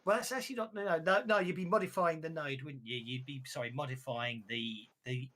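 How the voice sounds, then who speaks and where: Male game master, lightly higher voice, chatty and loose. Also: fairly quick, sharp tone. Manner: chatty, frequent restarts and laughs. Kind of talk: running a tabletop game.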